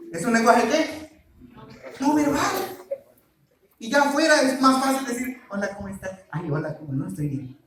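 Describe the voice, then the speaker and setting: A man preaching a sermon on marriage, quizzing the congregation with call-and-response questions. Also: extremely high pitch. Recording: very echoey hall, mic far off.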